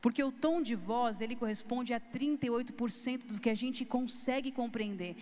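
A woman teaching a video lesson. Her voice sits fairly high, and she talks casually and emphatically to the viewer. A long reverb trails behind her words, as in a hall. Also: normal speed. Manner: lively, emphatic, changes tone and pace often to demonstrate; casual Brazilian slang, addresses viewers directly. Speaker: youth ministry teacher. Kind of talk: recorded video lesson with slides.

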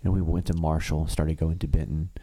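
A man's voice: extremely low pitch, little pitch movement, fairly quick, mellow. A man in his early thirties from Kentucky, a guest musician talking in a laid-back way, full of "like" and "uh". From Kentucky, USA. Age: 30s. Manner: laid-back, leans on "like" and "uh" a lot. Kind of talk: casual interview chat.

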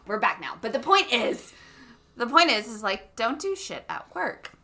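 Woman, young adult, podcast co-host, casual chat, emphatic, bright tone. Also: a little high, normal speed, gravelly. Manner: animated, emphatic, laughs often.

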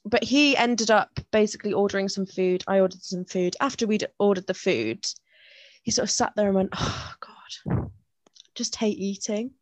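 A young woman co-hosting a podcast tells stories in casual, chatty talk full of fillers and restarts. Her mid-range voice is expressive and a little fast, with no echo.

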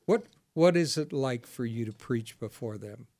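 Dry-sounding, chatty pastor host. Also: male voice, mid-range voice, lively intonation, normal speed, darkish tone, no room sound. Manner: chatty, laughs often, tells stories. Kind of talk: casual ministry interview.

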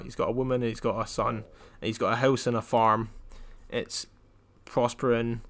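A young man from Scotland in casual podcast chat, telling jokes in a flat deadpan way and wandering off on tangents. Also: mid-range voice. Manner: deadpan, rambling joke-telling. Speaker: podcast co-host.

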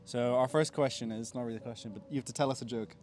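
A man's voice: medium pitch, steady tone, rapid-fire, a little mellow. A man hosting a casual podcast chat, recorded outdoors in a park gazebo, with dry, wry remarks. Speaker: podcast host. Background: birdsong and faint Christmas music.

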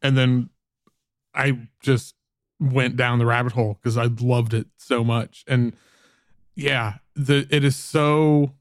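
Relaxed male podcast host, dry sound. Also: medium pitch, slow pace, no echo. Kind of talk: casual podcast conversation.

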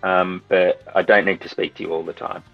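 A man's voice: deep voice, level tone, a little fast, creaky, no echo, lo-fi sound, soft background music. A middle-aged man hosting a casual podcast chat in an informal way. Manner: informal, says mate. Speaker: podcast host.

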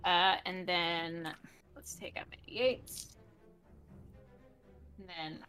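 A woman's voice: lowish voice, fairly even intonation, takes it slowly, sharp tone, clear, resonant tone, faint music behind. A woman playing a tabletop game, bubbly and giggly as she describes her character's moves. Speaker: player.

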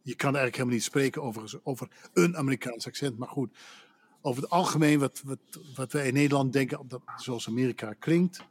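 A man's voice: mid-range voice, quick pace, slightly rough. A Dutch man who works as a voice actor, chatting casually on a podcast and telling stories with self-deprecating humor. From Netherlands. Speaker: voice actor guest.

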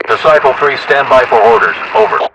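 A man's voice: mid-range voice, brisk. A man playing a male base radio controller who gives orders in clipped radio procedure, heard over a military radio. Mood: brisk. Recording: distant noisy radio transmission.

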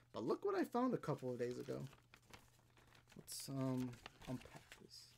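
A young adult man hosting a live stream, chatting loosely with viewers, rambling with lots of ums and frequent laughs. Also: mid-range voice. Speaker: livestream host. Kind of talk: casual live-stream chat reading viewer comments.

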